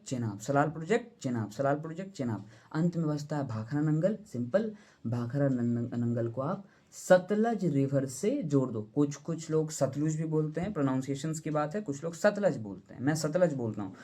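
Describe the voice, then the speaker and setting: A man's voice: fairly high pitch, warm tone. A young man teaching an exam-prep lesson, repeating questions and answers as drills and using playful memory tricks. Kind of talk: exam-prep lesson mixing Hindi and English.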